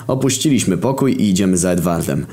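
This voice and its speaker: A man's voice: low-pitched, expressive, fast talker, a little mellow. A man narrating a crude, mocking comic story, jumping into voices for the characters.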